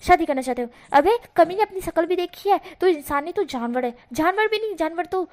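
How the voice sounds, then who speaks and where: A woman doing a jealous young man yelling. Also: high voice, fairly quick, natural voice. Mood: furious. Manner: yelling, repeating words in anger. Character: furious jealous young man, shouting insults.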